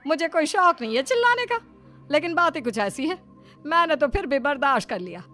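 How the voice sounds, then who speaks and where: A sharp-tongued older mother-in-law who scolds her lazy daughters-in-law, voiced by a woman. Her voice is high and swings widely in pitch, with faint music playing behind. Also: very animated, a little fast. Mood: scolding. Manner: scolding, exasperated.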